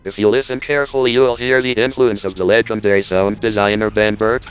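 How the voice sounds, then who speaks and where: A man voices a cold, logical robot spokesman giving a stiff, deadpan lecture, with a low, smooth, resonant voice. The recording sounds slightly dull and lo-fi. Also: brisk, faint music behind, close to an everyday voice. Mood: stern. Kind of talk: scripted parody monologue.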